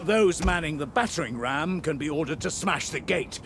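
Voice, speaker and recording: A man's voice: a little high, expressive, moderate pace, vocal fry, noisy background. A man playing an authoritative Roman advisor in a video game, narrating in a formal, instructive, theatrical manner.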